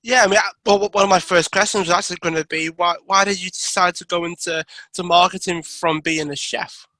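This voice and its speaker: A man's voice: high voice, steady tone, fairly quick, bright, forceful tone, dry recording, low-quality recording. A man hosting a podcast interview, introducing his guest and asking questions in a friendly, slightly stumbling way. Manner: friendly, stumbles over words. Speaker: podcast host.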